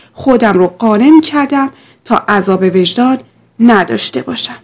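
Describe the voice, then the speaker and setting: A woman narrating a scripted first-person story in a steady, confessional way. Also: fairly high pitch.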